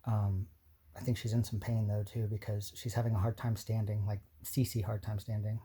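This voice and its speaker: A man leaves a personal video message for his partner, near tears and rambling. He talks haltingly, with nervous little laughs and many restarts. His voice sits low and husky, with a soft, mellow tone. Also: little pitch movement.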